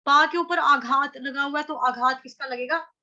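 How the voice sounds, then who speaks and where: A woman teaching Sanskrit verse chanting, patiently breaking words into syllables and chanting them slowly. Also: high voice, sharp tone, dull audio. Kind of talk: chanting lesson, syllable-by-syllable instruction.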